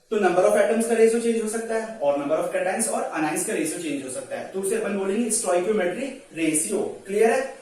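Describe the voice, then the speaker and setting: A man's voice: high-pitched, darkish tone. A man teaching chemistry in an online lecture, coaxing students and often checking they understand. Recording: echoey room, voice far from mic.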